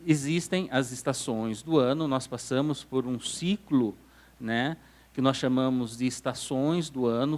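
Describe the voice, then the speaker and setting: A man with a Brazilian Portuguese accent teaching an astronomy class, explaining step by step and checking that the audience follows. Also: medium pitch. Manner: explanatory, checks understanding with "tá certo?". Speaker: astronomy lecturer. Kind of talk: classroom lecture. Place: council hall lecture room.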